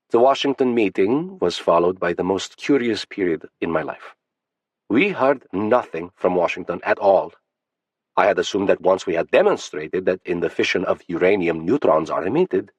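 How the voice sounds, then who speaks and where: A man reading first-person testimony for an audiobook in a steady, sober manner, close to a studio mic. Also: sits low, husky, no echo. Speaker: audiobook narrator.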